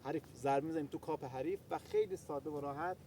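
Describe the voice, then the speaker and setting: A martial arts instructor teaches a self-defense lesson, energetically counting out each step as he demonstrates. He's chatty and keeps calling out to his viewers. His voice is fairly high, with a noisy background.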